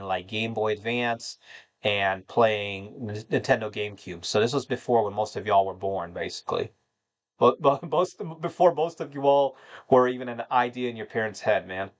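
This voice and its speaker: On his stream, a rambling American man from North Carolina chats casually and answers the chat, calling people "man." His voice is on the low side at normal speed, and his talk is heavy with fillers.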